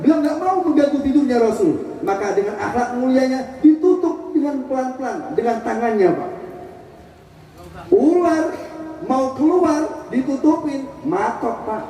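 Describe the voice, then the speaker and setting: A man's voice: extremely high pitch, moderate pace, hardly any pauses, warm tone. A male preacher giving a humorous religious sermon, telling a story with jokes and often turning to the audience directly. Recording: echoey hall from a distance with faint hiss.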